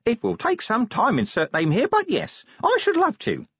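Man putting on a squeaky eager little imp. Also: wildly swooping pitch, normal speed, a bit bright, breathy edge, dry recording, exaggerated voice. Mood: eager chirpy. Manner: chirpy, relentlessly polite, eager to please. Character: eager chirpy little male imp gadget. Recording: dull dry studio recording.

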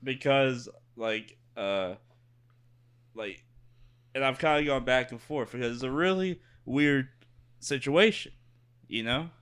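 A young man co-hosting a podcast in casual chat, rambling with halting restarts and casual swearing. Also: mid-range voice, a bit bright, smooth. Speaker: podcast co-host.

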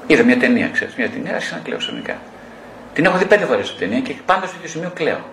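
A man's voice: a little high, big pitch swings, creaky, fairly bright tone, reverberant, slight background noise. A male psychotherapist giving an explanatory lecture, often posing rhetorical questions.

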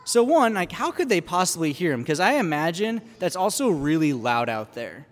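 A man preaching a sermon in an animated, conversational way, full of casual fillers. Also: fairly high pitch, moderate pace, big-room sound. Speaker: priest. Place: church.

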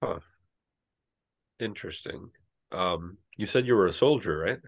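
A man running a tabletop game as game master, narrating in an unhurried way with many fillers. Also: sits low, lively intonation, creaky, husky.

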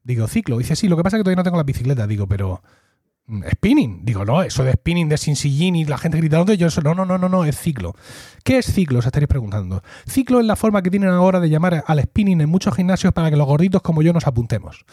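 A man's voice: fairly high pitch, very animated, quick pace, warm tone, no echo, clean studio sound. A middle-aged man hosting a podcast, chatting casually and acting out quoted dialogue as he tells a story. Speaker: podcast host. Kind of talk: casual chat.

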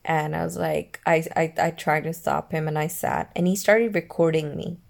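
Low, gravelly woman telling a raw story. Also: steady tone, normal speed. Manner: candid, emotional, swears freely. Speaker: mother telling her own story. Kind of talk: personal storytime vlog.

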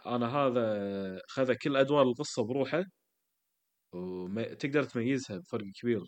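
A man chats on a podcast with a playful, teasing manner. He keeps up a quick pace at an ordinary mid pitch. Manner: teasing, conversational. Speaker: podcast co-host. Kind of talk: casual chat.

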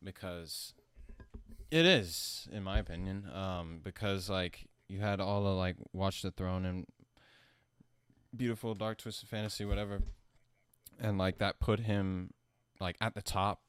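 A man who sounds high, talking casually about his music in a rambling, slangy, profane stoner manner. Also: unhurried, pauses often, a bit bright, clean tone, no echo. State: high from smoking. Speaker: musician being interviewed about own album. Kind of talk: casual chat.

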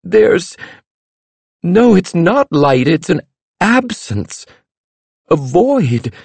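A man voicing a female fortune teller in a prophetic trance, chanting in a high, drawn-out, wailing voice. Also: big pitch swings, vocal fry, a little mellow, breathy edge, dry recording, heavily acted. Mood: entranced.

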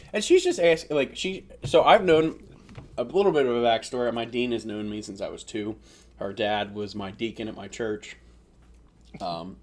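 Young dude cohosting a gaming podcast, voice all over the place pitch-wise, tells stories, swears. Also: male voice. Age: young adult. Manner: animated storyteller, swears, laughs while telling stories. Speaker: podcast co-host. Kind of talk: casual gaming podcast chat.

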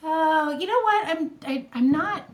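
A woman's voice: sits high, unhurried. A woman co-hosting a podcast in casual chat over a video call, giggling often. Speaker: podcast co-host.

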